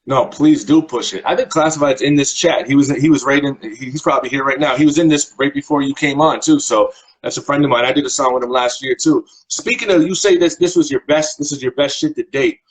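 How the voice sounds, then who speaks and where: A man's voice: mid-range voice, fairly quick, rough recording. A man from Nova Scotia with a Canadian accent, hosting a casual video chat in a laid-back way, often saying "man". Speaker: podcast host.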